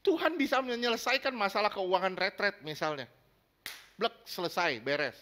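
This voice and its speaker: Bright, high-voiced man preaching. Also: expressive, moderate pace. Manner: emphatic, asks the congregation questions, acts out little scenes. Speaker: pastor. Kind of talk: sermon.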